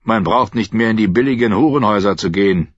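A man doing a smug, gruff sellsword. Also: fairly low pitch, fast, dry recording, dull audio, close to an everyday voice. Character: cocky, grinning male sellsword.

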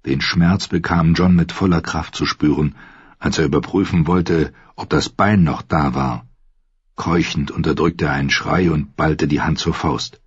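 A man giving scripted audiobook narration, calm and measured. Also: extremely low pitch, breathy edge, no room sound, dull audio.

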